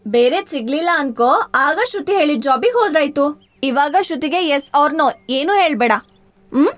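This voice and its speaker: A bossy young wife. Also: female voice, high voice, animated, normal speed. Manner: bossy, lecturing, teasing. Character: strong-willed young wife who lectures her husband. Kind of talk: TV drama acting.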